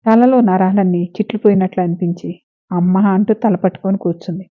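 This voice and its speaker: A woman narrates a serialized story in a steady, even voice. She keeps a level tone with little rise and fall. The sound is narrow and tinny, like a phone line. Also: mid-range voice, fast talker.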